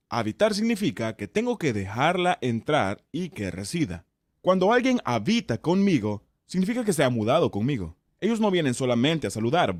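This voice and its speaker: A man's voice: on the high side, no echo, clean studio sound. A man teaching a Bible study session as pastor, emphatic and repeating key words for stress.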